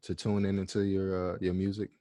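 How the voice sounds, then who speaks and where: A man hosting an interview with a very low, deep voice. He keeps his questions short and easygoing and encourages his guest. The sound is dry and close. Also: a little fast, dry recording. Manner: relaxed, brief and encouraging, often laughing along. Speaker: podcast host. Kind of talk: casual interview.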